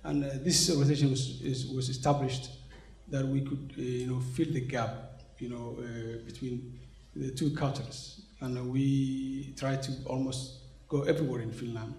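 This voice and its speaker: A Somali man in his forties represents an organization in a conversational interview at an indoor conference venue, speaking English hesitantly with many fillers and restarts. His mid-range voice is a little mellow, with fairly even intonation, normal speed and hardly any pauses. The room sounds echoey.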